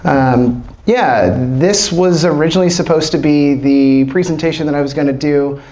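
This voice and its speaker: This American man from Washington, D.C. speaks at a normal speed in a slightly mellow, higher-pitched voice, though the recording is muffled. Presenting his startup casually to a small crowd, he's chatty, leans on fillers, and curses without hesitation.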